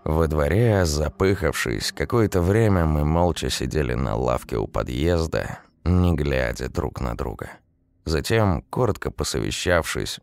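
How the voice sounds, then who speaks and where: A man narrating a story in an even, unhurried reading. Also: very deep voice, creaky, dry recording. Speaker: audiobook narrator. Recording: dry close recording.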